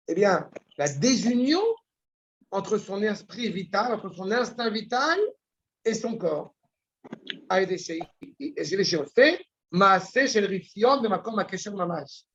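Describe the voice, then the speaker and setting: Man, Torah lecture, impassioned, blunt, high voice, muffled lo-fi sound. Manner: impassioned, blunt, mixes Hebrew terms. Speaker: Torah teacher.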